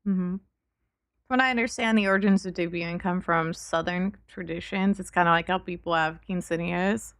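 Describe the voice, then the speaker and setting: A woman's voice: fairly low pitch, moderate pace, no echo. Casual woman livestreamer with a dry, close sound. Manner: relaxed, informal, swears casually. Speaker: livestreamer and VTuber.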